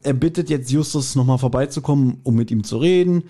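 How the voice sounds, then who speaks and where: A man co-hosts a podcast, recapping an audio drama in a casual, colloquial way and acting out quotes animatedly. His voice is mid-range and warm, and he speaks briskly.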